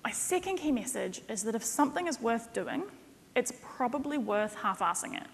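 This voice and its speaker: A woman's voice: fairly high pitch, normal speed, vocal fry, a little hiss or hum. A young woman giving a conference keynote as a consultant, conversational and jokey, speaking at a lectern on a stage. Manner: conversational and jokey, lively emphasis. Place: conference stage in a large hall. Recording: reverberant hall sound.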